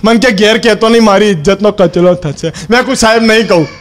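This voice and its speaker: A man's voice: high voice, fast talker. A male stand-up comedian telling a comic monologue in character as a cheeky schoolboy, acting out the other people's lines as he goes.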